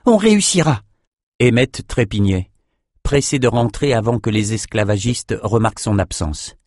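A man narrating an audiobook in a steady, measured voice. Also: lowish voice, dry recording, studio quality.

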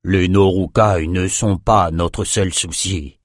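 A man voicing a grave, weary wizard who speaks slowly and deliberately. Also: steady tone, no echo, studio quality. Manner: slow, low and deliberate.

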